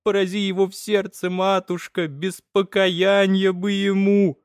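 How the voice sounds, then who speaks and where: A man doing a hoarse frail old peasant mother. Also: mid-range voice, little pitch movement, measured pace, darkish tone, no room sound, studio quality, voice pushed up, close to an everyday voice. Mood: shrill, cursing. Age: older. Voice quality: hoarse, rasping. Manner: cursing and lamenting in choked bursts.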